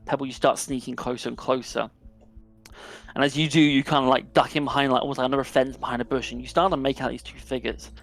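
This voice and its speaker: Guy running a tabletop game, kinda gravelly, rambly fillers, faint music under it. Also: mid-range voice, level tone, a bit bright. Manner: loose, filler-heavy narration with quick bursts of put-on character lines. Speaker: game master.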